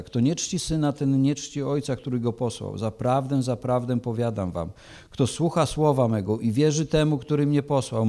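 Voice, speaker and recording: A man's voice: mid-range voice, mellow. A man preaching, reading a Bible passage aloud and then explaining it, with frequent hesitations.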